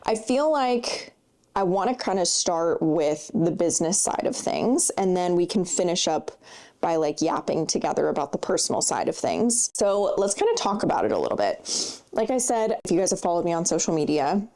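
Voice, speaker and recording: A woman's voice: on the low side, animated, normal speed, dark tone. A woman in her twenties hosting a solo podcast, chatting in a casual, upbeat, rambling way with lots of fillers, sounding slightly congested. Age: 20s. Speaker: podcast host.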